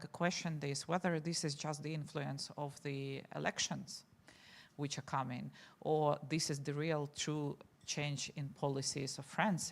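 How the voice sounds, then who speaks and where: A woman moderates a conference panel in a low voice. She speaks haltingly and fills her pauses with many drawn-out sounds as she works toward each question. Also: vocal fry.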